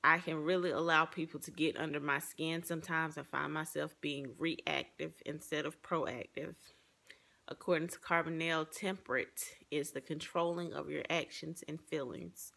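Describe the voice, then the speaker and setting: In an earnest, reflective personal presentation, a woman speaks at a moderate pace, reading some of it from notes. Her low voice has clear fry and gravel, sounds pushed and bright, and keeps fairly even intonation.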